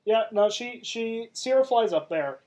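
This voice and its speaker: A woman's voice: on the high side, animated, a little slow, warm tone. A woman running a tabletop game as game master, giving matter-of-fact rulings between filler words.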